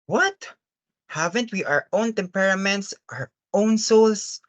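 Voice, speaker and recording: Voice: mid-range voice, lively intonation, measured pace, fairly bright tone, no echo. A performer in a dramatic stage-play reading, playing an earnest, anguished father who speaks formally, with hesitant, pleading courtesy.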